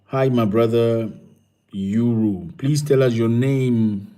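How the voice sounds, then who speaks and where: A man's voice: medium pitch, slow, warm tone. A man hosting a casual livestream, reading out viewers' comments and greeting each one with thanks. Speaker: livestream host.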